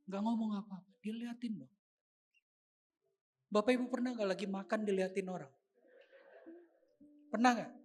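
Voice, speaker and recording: A man preaching a sermon, telling a personal story with acted quotes and lively delivery. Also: high voice, moderate pace, pauses often. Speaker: pastor.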